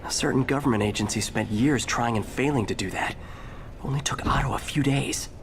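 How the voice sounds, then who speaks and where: A man's voice: medium pitch, fairly quick, slight background noise, natural voice. A man playing a quippy young superhero in a video game, with a glib, conversational delivery. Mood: wry, quippy. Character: wisecracking young male superhero, upbeat and quippy. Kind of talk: video game voice acting, explanatory quips.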